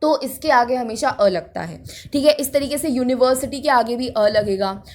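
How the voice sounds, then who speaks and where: A woman's voice: a little high, darkish tone. Hindi-speaking woman teaching grammar. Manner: explains slowly, checks in with "ठीक है?" after each point; reads example sentences slowly and deliberately. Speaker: English teacher. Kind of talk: classroom grammar lesson.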